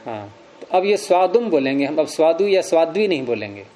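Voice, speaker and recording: A man's voice: a little high, big pitch swings, fairly quick, mellow. A man teaching a grammar lesson, explaining each step patiently and asking questions that he answers himself.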